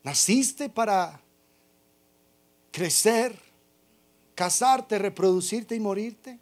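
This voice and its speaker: A man's voice: high-pitched, drawn-out words. A man preaching a sermon, emphatic and drawn out, full of rhetorical questions.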